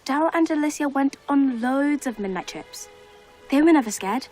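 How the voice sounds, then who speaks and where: A woman's voice: high voice, animated, normal speed, a little mellow, soft background music. A British female actor playing a bold, adventurous boarding-school girl in a period drama. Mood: daring.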